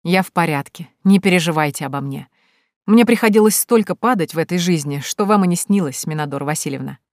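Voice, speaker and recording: A woman reading an audiobook voices an ardent young male detective who speaks slowly and gallantly. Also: on the low side, dry recording, clean studio sound, lightly acted. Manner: warm, slow, gallant.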